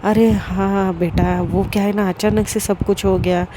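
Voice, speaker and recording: A woman's voice: medium pitch, little pitch movement, a little slow, mellow, slight background noise, natural voice. A woman voicing a middle-aged mother, fond of a young family friend, in a storybook telling. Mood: flustered.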